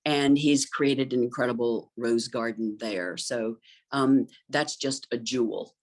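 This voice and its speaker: This middle-aged woman, an interior designer, discusses gardens in a relaxed conversation, speaking thoughtfully and fluently with many ums. Her bass voice is a little mellow and moves at a measured pace.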